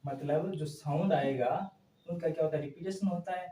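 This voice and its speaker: A man's voice: a little high, normal speed, dark tone, distant mic, a little hiss or hum. A male teacher giving a grammar lesson, asking a question and answering it himself again and again on his phrases. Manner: repetitive call-and-response questioning. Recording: echoey room, voice from off-mic.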